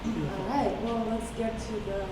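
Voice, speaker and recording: Over a noisy crowd, a woman who grew up speaking Russian reads a poem she wrote after a short spoken introduction, her voice a little high, steady in tone, and a little slow. She hesitates a lot and uses many fillers, with evident emotion. The hall is echoey and the mic is far away.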